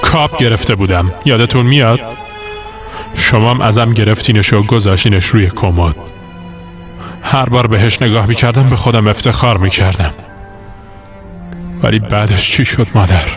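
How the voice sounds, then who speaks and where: A man's voice: lowish voice, long pauses, lightly acted. A man dubbing a grown son who reproaches his mother with hurt and bitterness in a TV drama. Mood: reproachful. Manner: reproachful, wounded. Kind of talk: dubbed TV drama. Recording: muffled audio with clear music.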